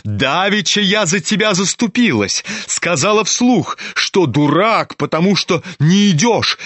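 A man reading an audiobook, voicing an imperious, quick-tempered older noblewoman with shrill, scolding outbursts. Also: lively intonation, a bit bright, no echo, heavily acted. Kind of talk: audiobook character voice.

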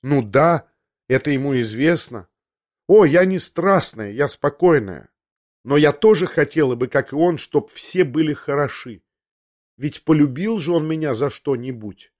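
A man's voice: on the high side, expressive, a little slow, a little mellow. A man reading an audiobook, voicing a young noblewoman who confesses in a breathless, restless way, half talking to herself, in a slightly raised voice. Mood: agitated. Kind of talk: audiobook character voice.

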